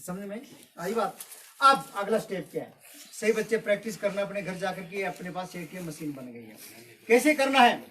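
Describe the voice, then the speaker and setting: A man performs as a kids party magician, keeping up playful, teasing patter full of questions for the children. He is heard at a distance from the microphone, with clear noise over the recording. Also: high-pitched, expressive, normal speed, sharp tone. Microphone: far from the mouth. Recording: distant mic, noisy with clicks and birds.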